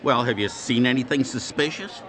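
An actor playing an exasperated, earnest aging superhero sidekick in a cartoon game. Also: male voice, medium pitch, moderate pace, fairly bright tone, a faint crowd, lightly acted.

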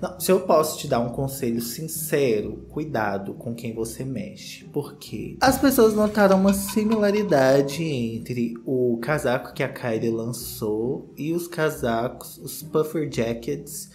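Speaking at a measured pace with few pauses, this thirty-something Brazilian-accented man delivers sassy, theatrical gossip commentary full of slang for his video audience. His medium-pitched voice has lively intonation and a slightly mellow quality, with faint music behind it, all recorded in a small indoor home studio.

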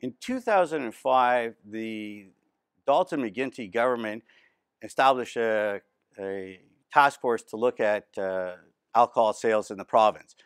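A man's voice: mid-range voice, measured pace, clean tone. A middle-aged man hosting a studio interview, asking long, detailed questions and gesturing with both hands. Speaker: talk show host. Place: small TV studio with dark curtains. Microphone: lapel mic.

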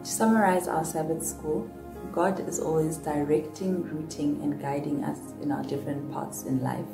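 A woman in a calm, reverent voice, summing up a lesson and praying. Her low voice is gravelly, in a roomy sound with music playing behind. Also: normal speed. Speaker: Sabbath school presenter. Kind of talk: summary and prayer.

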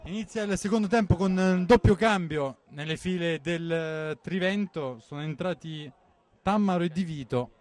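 A man giving breathless, excited football play-by-play commentary, urgently repeating players' names and phrases. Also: high voice, normal speed.

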